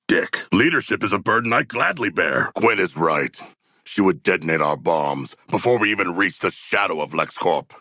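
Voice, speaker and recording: A man playing a hulking shark-man warrior in a video game, with a rough gravelly voice and stilted, formal, proudly bloodthirsty yet earnest speech. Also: low-pitched, sharp tone, no room sound, studio quality, heavily acted. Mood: measured, earnest. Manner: stilted formal diction, grandiose, literal-minded. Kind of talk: video game character voice lines.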